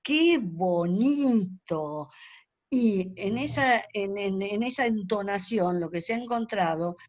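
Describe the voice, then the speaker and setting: A woman's voice: medium pitch, moderate pace, dry recording. Older woman, lecturer on a webinar, hesitant and explanatory, dull dry call audio. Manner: explanatory, many hesitations and fillers. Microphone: video call.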